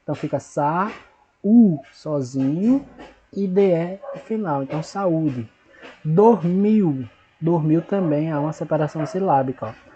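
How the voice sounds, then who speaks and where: A man teaching a recorded lesson, patient and repetitive, slowly spelling out syllables and checking in with his pupils. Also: a little high, warm tone, highs cut off.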